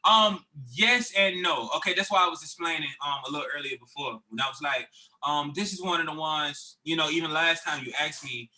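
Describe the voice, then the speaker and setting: A man's voice: a little high, fairly quick, pushed and bright, poor audio. A man, a recording artist guest, talking casually in a podcast interview, loose and rambling with many fillers and restarts.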